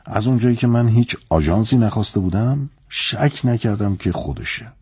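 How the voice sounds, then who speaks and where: A man plays a tense narcotics officer narrating his own story in an audio drama. His very deep voice is husky and sounds close and dry, and his answers come short and guarded. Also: lively intonation, darkish tone, no room sound. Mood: reflective. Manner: guarded, blunt. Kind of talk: first-person dramatic narration.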